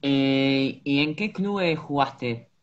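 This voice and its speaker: A man's voice: medium pitch, drawn-out words. A young man, interviewing a guest on a video call from a room at home, hesitant with many fillers. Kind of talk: casual interview questions. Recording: muffled video call audio.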